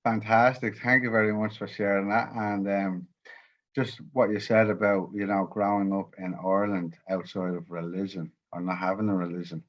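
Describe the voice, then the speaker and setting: A man's voice: fairly low pitch, flat delivery, moderate pace, highs cut off. A man hosting a podcast interview, upbeat and friendly, laughing easily with his guest. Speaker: podcast host.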